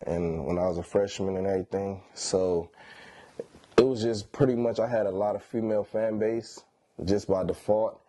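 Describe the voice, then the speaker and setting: A man's voice: lowish voice, fairly even intonation, moderate pace, mellow. A thirty-year-old man, talking in a stoned, laid-back slangy drawl in a casual interview. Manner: stoned, laid-back slangy drawl with frequent "you know what I'm saying". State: high on weed. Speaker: R&B singer being interviewed.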